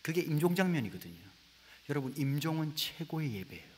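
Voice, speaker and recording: A middle-aged man preaching a lively comic sermon as a guest pastor in a large church, storytelling with playful dialect bits. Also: on the high side, in a large hall, a little hiss or hum. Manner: animated storytelling, slips into rustic dialect voices for laughs; says he talks very fast.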